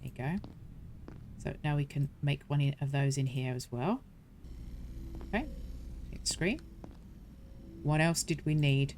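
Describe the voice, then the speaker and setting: A woman's voice: low-pitched, measured pace, long pauses, darkish tone, a little hiss or hum. A woman hosting a gaming channel, talking through a survival game step by step in a chatty, self-correcting way. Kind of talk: game walkthrough commentary.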